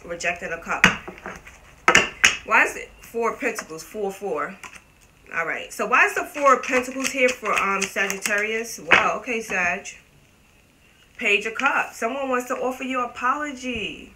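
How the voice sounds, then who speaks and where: A woman giving a casual tarot reading to her viewers, chatty and emphatic, swearing freely. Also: medium pitch. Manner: talks to viewers as "you guys". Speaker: tarot reader. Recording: steady background noise.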